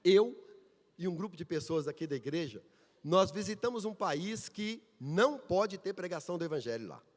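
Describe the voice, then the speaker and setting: Animated Mineiro preacher in a reverberant church. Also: male voice, high voice, moderate pace. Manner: emphatic, rhetorical questions and repetition. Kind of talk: sermon with storytelling. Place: church sanctuary.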